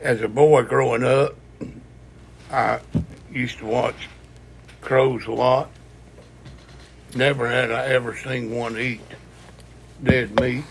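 A man's voice: mid-range voice, flat delivery, slow pace, creaky, long pauses, slight background noise. A man from the congregation sharing a personal observation in a plain, respectful way. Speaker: congregation member. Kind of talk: sharing a testimony.

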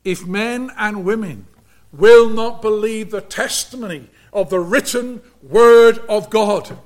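A man with a fairly high voice delivers a sermon at an unhurried, deliberate pace. He preaches earnestly and with emphasis, and often sinks abruptly into a near-hushed tone.

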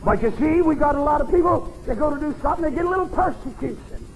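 An older man with a drawl preaches, spinning folksy stories from the pulpit. His voice sits high, and it swings between loud, ringing lines and soft asides. Faint music plays behind him. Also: expressive, fast talker, low-quality recording. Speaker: pastor. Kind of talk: sermon.

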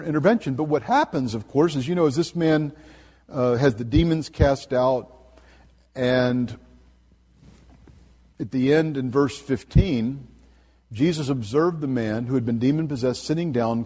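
A man delivers an earnest sermon, pressing his points and reading verses aloud. His voice sits a little high for a man and has a husky edge. A long reverb trails behind him, as if he is preaching in a large hall. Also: darkish tone. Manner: earnest, emphatic, quotes scripture.

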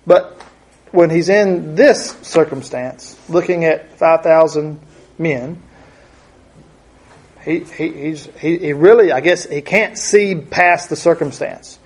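A man teaching through a Bible passage in a conversational, halting way, with many restarts and asides. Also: a little high, slightly rough. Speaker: preacher.

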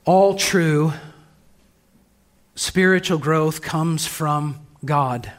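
A pastor with a fairly high-pitched voice preaches a sermon in church. He is earnest, shifting between brisk passages and slow, emphatic lines.

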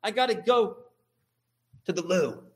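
A tearful man hurriedly excuses himself in an apologetic voice, as a preacher acts him out. His words come quickly and informally. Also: sits high, a bit bright.

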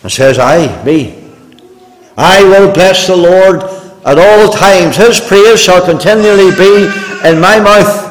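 Male pastor, earnest preaching voice, higher pitched, long church reverb. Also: slow. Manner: earnest, rising to emphatic preaching. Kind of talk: sermon. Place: church sanctuary.

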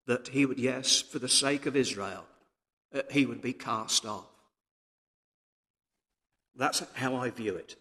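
A man's voice: mid-range voice, fairly bright tone. A man preaching a sermon, earnest and emphatic, his voice rising and falling with many restarts. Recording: echoey hall.

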